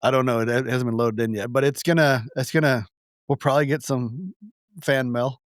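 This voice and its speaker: A man's voice: mid-range voice, steady tone, a little fast, no echo, studio quality. A man hosting a casual podcast, talking loosely and profanely, rambling with restarts. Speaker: podcast host.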